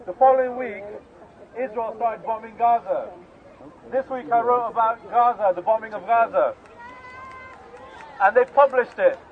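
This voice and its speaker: A man's voice: very high-pitched, normal speed, pauses often. A man speaking at an outdoor street rally, impassioned, calling on the crowd. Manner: impassioned, leads chants. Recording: tinny lo-fi outdoor recording.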